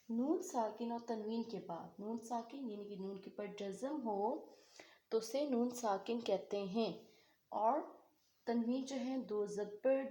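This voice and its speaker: A woman's voice: medium pitch, warm tone, roomy sound. A woman teaching Quran recitation rules in an online lesson. She talks patiently, asks a question and then answers it herself.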